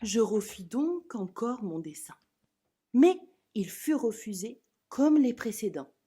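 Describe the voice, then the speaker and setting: A woman narrating a storybook as a theatrical, dramatic reading, with emphatic phrasing and a husky voice. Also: on the high side, very animated, slow, warm tone.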